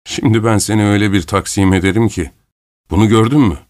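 A self-satisfied coal carrier drones on in a slow, gruff lecture, put on by a male storyteller. The voice sits fairly low and sounds dry and close, as if read into a microphone in a small, dead room. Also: steady tone, darkish tone, dry recording, lightly acted. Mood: threatening. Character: gruff, smug peasant coal carrier, man.

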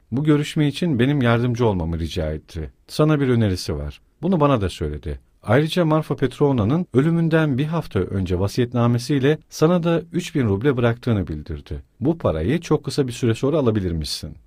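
A man's voice: medium pitch, big pitch swings, a little fast, few pauses, dark tone, husky, no echo, studio quality. A man reading the lines of a brooding young man who speaks tersely.

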